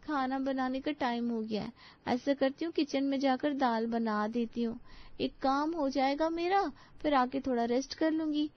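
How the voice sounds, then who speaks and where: A meek, deferential young daughter-in-law who pleads politely with her elders, played by a woman. Her voice sits a bit high and sounds soft-spoken. The recording comes through dull and lo-fi. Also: normal speed, natural voice. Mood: cheerful.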